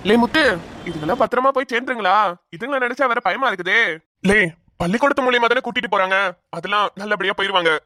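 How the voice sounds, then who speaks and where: A woman's voice: mid-range voice, fast talker, pushed and bright, a little hiss or hum, natural voice. A woman putting on the voices of worried middle-aged village men in a cartoon, with a southern Tamil village accent. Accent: southern Tamil village dialect. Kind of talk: cartoon voice acting.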